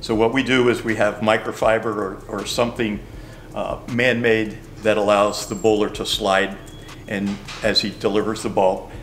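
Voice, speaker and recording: A man's voice: lowish voice, flat delivery, moderate pace, fairly bright tone, a little hiss or hum. An older man, a shoe company representative, patiently explaining product features in a store. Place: bowling shoe store, indoors.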